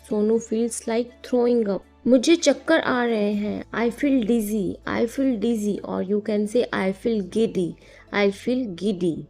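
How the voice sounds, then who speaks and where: A woman giving a spoken English lesson, her voice a touch high and soft and mellow. She repeats every practice sentence twice at a very slow, careful pace. Faint music plays behind her. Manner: reads each English sentence twice slowly after the Hindi. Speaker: English teacher.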